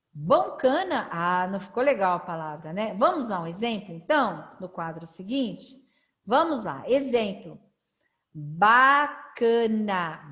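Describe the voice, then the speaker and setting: A woman tutor with a Brazilian Portuguese accent, drilling syllables slowly in a sing-song, cheerful, coaxing way for a children's lesson. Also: fairly high pitch. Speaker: literacy tutor. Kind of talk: children's phonics lesson over slides.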